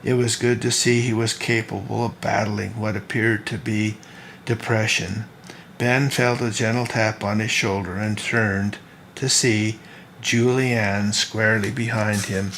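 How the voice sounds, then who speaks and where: A man, the author, reading his own novel aloud as storybook narration at an unhurried, gentle pace. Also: lowish voice, level tone, slight background noise.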